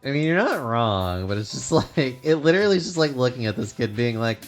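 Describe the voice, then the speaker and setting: Female streamer: casual, sarcastic gaming banter, very low pitch, music behind. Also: lively intonation, brisk. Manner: playful, sarcastic. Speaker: game streamer.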